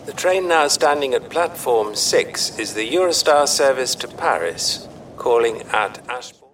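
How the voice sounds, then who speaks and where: A man's voice: medium pitch, animated, unhurried, fairly bright tone, recorded from a distance, rough recording. Man playing a station announcer over the intercom, heard from afar, faint city noise around. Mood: formal. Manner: formal announcement. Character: male train station announcer.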